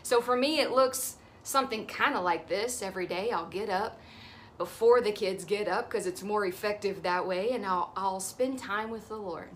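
A woman's voice: medium pitch, moderate pace, a little hiss or hum. A woman in her thirties giving an earnest, encouraging devotional teaching as host of her ministry show.

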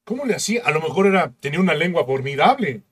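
A man's voice: on the high side, sing-song, fast talker, fairly bright tone, a little hiss or hum. A man with a Mexican accent co-hosting a comedy podcast, bantering crudely with lots of slang and laughter. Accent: Mexican Spanish. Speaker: podcast co-host. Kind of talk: casual comedy chat.

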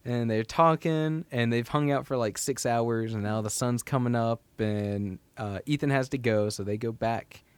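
A young man in his early twenties leads a relaxed book-club chat, recapping the story with animated asides. His voice sits at an ordinary pitch and sounds close and dry, with no room around it. He keeps the tone conversational. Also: moderate pace, few pauses, smooth, dry recording.

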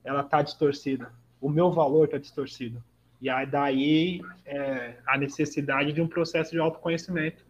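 A man's voice: fairly high pitch, moderate pace. A man on a podcast telling a recovery story in casual conversation, acting out the dialogue and often adding tag questions. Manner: animated, acts out quoted dialogue, frequent tag questions. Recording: dull lo-fi audio with faint noise.

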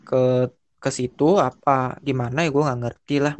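A man's voice: medium pitch, steady tone, normal speed. A young man chatting casually as a podcast co-host, in informal slang with many restarts and bits of English. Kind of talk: casual chat.

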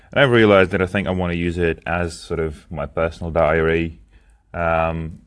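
In a reflective diary-style monologue, a young Lithuanian man who speaks English as a second language talks through his plans. He often hesitates with ums and restarts. He has a bass voice and is a podcast host and founder.

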